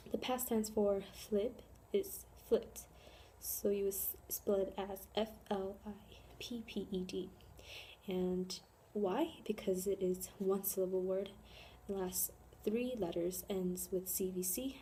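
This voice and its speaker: A young American woman presents to her class in an earnest, halting way, filling pauses with ums and spelling words out letter by letter. Her voice is mellow and soft-edged. A faint hiss sits under the recording. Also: medium pitch. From born in South Korea, raised in Chicago. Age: young adult. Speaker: student presenter.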